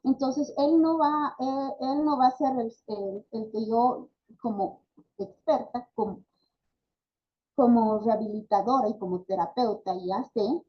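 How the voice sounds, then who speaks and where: A woman's voice: a little high, measured pace, muffled recording. A woman with a Bolivian Spanish accent giving a speech therapy class, talking conversationally with many fillers and tag questions. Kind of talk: online class lecture.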